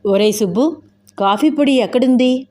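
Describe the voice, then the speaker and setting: A woman's voice: high-pitched, moderate pace, warm tone, pitched above the performer's own voice, lightly acted. Woman reading as a fiery protective young man. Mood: casual. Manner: agitated, demanding questions. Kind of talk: audio novel dialogue.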